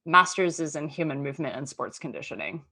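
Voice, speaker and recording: An Australian woman in her thirties chats casually as a podcast guest in an interview, packing her speech with "um" and "like." Her voice is low-pitched and sharp in tone, animated, and she talks fast.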